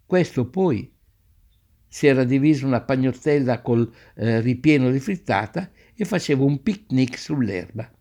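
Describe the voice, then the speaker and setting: A man narrating a children's story aloud in an expressive read-aloud style, slowing and softening for effect. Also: mid-range voice. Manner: expressive, varies pace for effect.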